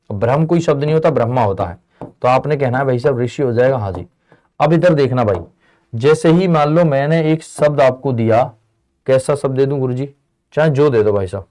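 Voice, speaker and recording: A man's voice: medium pitch, darkish tone. A young man teaching a lesson in a chatty way, often asking students whether they follow. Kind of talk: classroom lesson.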